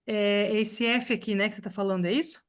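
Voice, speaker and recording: A woman teaching a live online pronunciation lesson, explaining patiently and repeating sounds slowly for her students. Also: medium pitch, fairly even intonation, clean tone. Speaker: English teacher.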